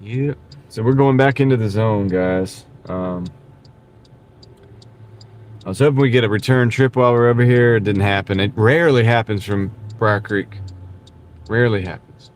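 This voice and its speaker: On a livestream from inside his car, a delivery driver chats casually with viewers, greeting them and frequently chuckling. His voice is on the low side, at normal speed, and he pauses often. Road noise sits behind the audio from his small wireless clip-on mic.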